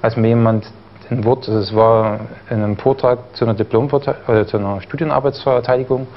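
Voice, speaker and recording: A young man from East Germany, guesting on a talk show, speaks a little fast at a steady medium pitch. His studio interview is peppered with fillers, restarts, and the odd stutter, captured in dull broadcast quality with faint noise.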